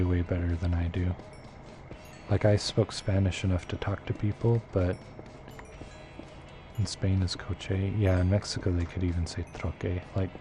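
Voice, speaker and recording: A man with a low-sitting voice streams a game against a noisy background. His talk is casual chat with viewers, rambling as he thinks aloud and full of fillers.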